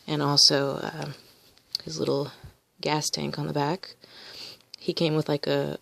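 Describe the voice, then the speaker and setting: A woman's voice: deep voice, gravelly, bright, forceful tone, no echo. A woman collector casually showing her toys on video, rambling with many ums and restarts. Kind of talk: casual show-and-tell video.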